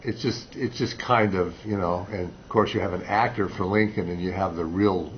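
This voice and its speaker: A male interviewer with a very deep voice, chatting easily and adding short comments alongside his guest. The sound is dull, with a faint hiss. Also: fairly even intonation, moderate pace. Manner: brief comments and agreeable interjections. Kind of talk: casual interview talk. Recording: dull, slightly noisy recording.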